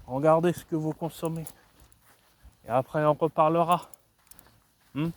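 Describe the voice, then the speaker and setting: A man's voice: on the high side, fairly even intonation. A man chatting casually to his viewers in a vlog, talking outdoors in the countryside. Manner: slow, chatty, keeps addressing viewers as "the guys". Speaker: vlogger.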